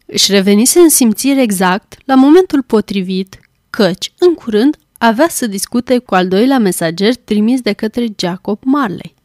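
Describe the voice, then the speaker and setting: A woman reading a classic tale aloud as an audiobook, measured and clear. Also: a little high, animated, a little mellow, dry recording, clean studio sound. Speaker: volunteer audiobook reader. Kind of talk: scripted audiobook narration.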